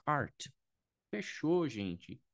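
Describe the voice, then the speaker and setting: A man from Brazil gives a relaxed online lesson, walking his students through each point and checking in often to make sure they follow. His voice sits at an ordinary middle pitch. The recording is dry and close, with almost no room sound. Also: very slow, creaky, dry recording. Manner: explains patiently with frequent "né?" and "tá?", thinks aloud. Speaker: English teacher.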